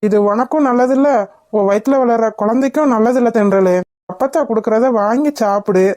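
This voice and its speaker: A woman voicing a soft-hearted middle-aged father in a cartoon, soothing and pleading. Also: on the high side, fairly quick, no echo, studio quality, lightly acted. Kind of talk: cartoon voice acting.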